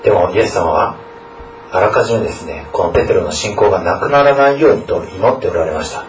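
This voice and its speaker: A deep-voiced, animated man talks fast, with a little hiss or hum audible. He is a school chaplain giving scripture reading, prayer and a sermon to students, earnest throughout and often adding a questioning tag to his sentences. Sound is from a distant mic in an echoey room.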